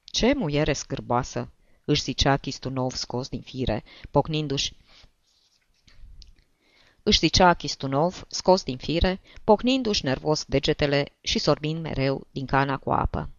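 A woman narrating a story in an expressive reading style. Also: sits low, no echo. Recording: dull lo-fi recording.

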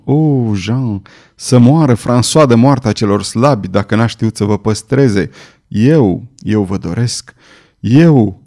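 Man voicing a young nobleman, feverish, pleading, desperate, dark warm tone. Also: medium pitch, natural voice. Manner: impassioned pleading.

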